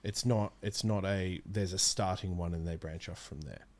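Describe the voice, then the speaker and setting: An amateur voice actor, appearing as an interview guest, chats casually about video games in a deep, slightly mellow voice at normal speed. He often circles back and corrects himself while explaining, recorded on a close studio mic in a small indoor streaming room.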